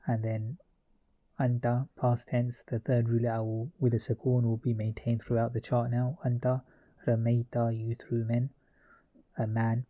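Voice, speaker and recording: A man's voice: mid-range voice, a little slow. A man teaching a grammar lesson, methodically reciting verb conjugations one form after another. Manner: methodical, reciting verb forms in a steady list.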